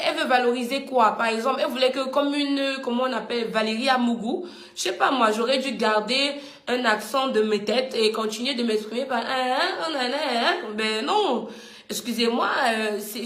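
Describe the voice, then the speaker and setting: A woman's voice: a little high, fairly bright tone, reverberant. A woman with a Cameroonian accent ranting in heated commentary, indignant and combative, often repeating herself. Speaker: vlogger.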